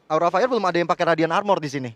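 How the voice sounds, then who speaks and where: Fast, high-voiced Indonesian male esports caster. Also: lo-fi sound, background noise. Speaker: esports match commentator. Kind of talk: analytical live match commentary with casual banter.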